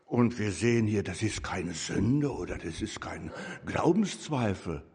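A man's voice: fairly low pitch, animated, measured pace, darkish tone, breathy edge. An older man giving a conversational sermon as a lay preacher, breaking into rising, emphatic bursts. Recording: echoey hall.

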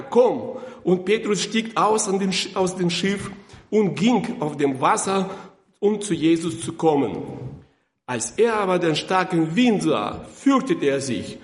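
High-voiced, slow-talking preacher in a hall. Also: male voice. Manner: emphatic, repeats words, stumbles. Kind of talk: sermon with Bible reading.

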